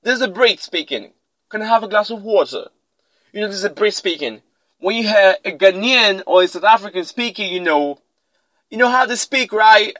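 A man's voice: high voice, expressive, normal speed, a bit bright, no echo, rough recording. A man hosting a motivational podcast, speaking emphatically and repeating his key lines for effect. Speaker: podcast host. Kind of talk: motivational talk.

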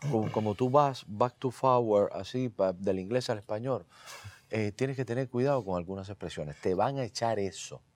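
A man's voice: on the low side, moderate pace, darkish tone. A man with a Cuban accent hosting a casual interview, chatty and jokey as he leads with questions. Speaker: talk show host.

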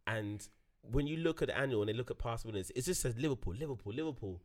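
A man's voice: medium pitch, lively intonation, quick pace. An Englishman co-hosting a casual football podcast, thoughtful and a little nostalgic. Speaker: podcast co-host.

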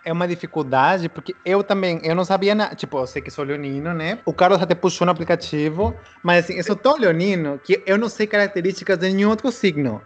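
A man chats casually, relaxed and poking fun at himself. His voice is high and quick. The audio is dull, with faint music in the background. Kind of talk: casual chat.

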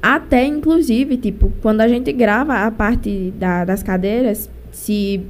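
A woman's voice: a little high, a little slow, a little hiss or hum. A young woman with a Northeastern Brazilian accent and a cold, telling her story casually and colloquially in an interview. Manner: colloquial, chatty. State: has a cold. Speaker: singer being interviewed.

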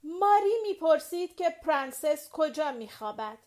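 A woman voicing a quarrelsome, indignant male servant who shouts in exasperation in an audiobook. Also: high voice, sing-song, voice pushed up. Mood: indignant shouting. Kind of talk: audiobook character voice.

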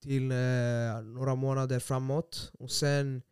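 A young man co-hosting a casual podcast, telling stories in animated, slangy street Swedish. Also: medium pitch, clean tone, no room sound, studio quality. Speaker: podcast co-host. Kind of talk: casual chat. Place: small studio room.

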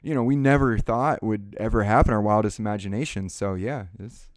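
A man's voice: on the low side, a little fast, no echo, studio quality. A man guest on a podcast, talking animatedly, swearing a lot and repeating yeah yeah yeah. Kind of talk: casual podcast chat.

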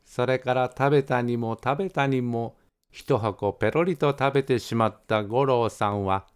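A man reading a children's story aloud in a gentle, expressive storytelling manner. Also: mid-range voice, moderate pace, smooth. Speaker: podcast host reading a story.

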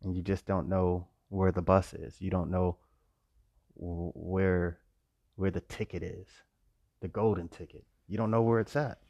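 Male, low register, earnest repetitive spiritual talk, recorded outdoors. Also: fairly even intonation, a little slow, vocal fry, dark tone, no echo, muffled recording. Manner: earnest, preachy, repeats phrases. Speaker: vlogger. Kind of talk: spiritual monologue. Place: outdoors by a road. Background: passing cars and wind.

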